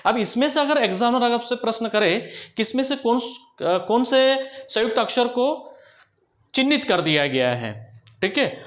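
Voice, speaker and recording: A man's voice: high-pitched, fairly bright tone. A man teaching a grammar lesson, explaining step by step and often checking that the students follow.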